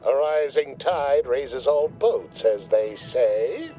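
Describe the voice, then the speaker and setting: A pompous, lively corporate lab visionary. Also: male voice, mid-range voice, slow, faint music behind, poor audio. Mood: smug. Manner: verbose, condescending corporate jargon. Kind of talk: video game dialogue.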